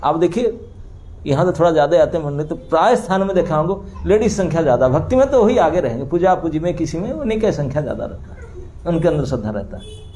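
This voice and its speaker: A fairly high-voiced man preaching in a temple hall, his tone mellow and soft-edged. He tells the story in an animated way, acting out the characters' pleading, and laughs now and then. A faint hum of room noise sits behind him. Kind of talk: scripture storytelling sermon. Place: temple hall before a seated audience.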